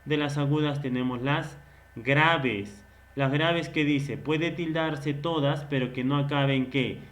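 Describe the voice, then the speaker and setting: A man's voice: fairly high pitch, a bit bright. A man teaching a grammar lesson. He asks questions and then answers them himself. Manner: slow, stretched-out explaining.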